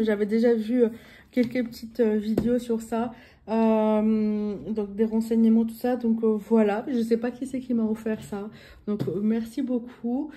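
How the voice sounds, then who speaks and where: A young adult woman vlogging casually as she unboxes beauty products, reading labels out haltingly with many fillers. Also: fairly high pitch, warm tone.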